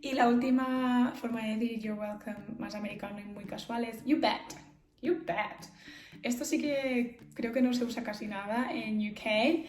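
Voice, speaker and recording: A woman's voice: fairly high pitch, steady tone, moderate pace, darkish tone. English woman teaching in an echoey room. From England. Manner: explains patiently, switching between English and Spanish. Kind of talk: bilingual language lesson.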